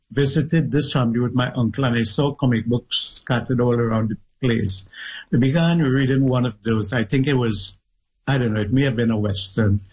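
Husky Trinidadian man, reflective storyteller. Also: medium pitch, a little mellow, poor audio. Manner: measured, thoughtful, with pauses and restarts. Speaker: guest author.

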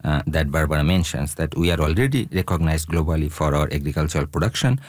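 A man from Bangladesh, a researcher guest on a radio interview, speaking haltingly with many fillers. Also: rumbling low, dry recording.

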